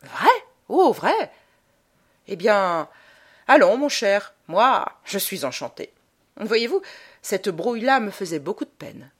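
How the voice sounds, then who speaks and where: A woman's voice: mid-range voice, very animated, slow pace, long pauses, slightly rough, full character voice. A woman voicing a cautious, jovial man who exclaims and hesitates, in a storybook reading. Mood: pleased.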